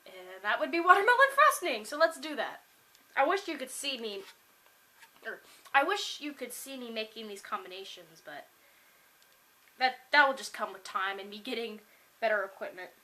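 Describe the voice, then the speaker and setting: A woman's voice: fairly high pitch, animated, moderate pace, pauses often, bright, forceful tone. A young woman vlogging casually at home, rambling upbeat with many fillers as she taste-tests food. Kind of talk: casual chatty vlog. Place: home kitchen.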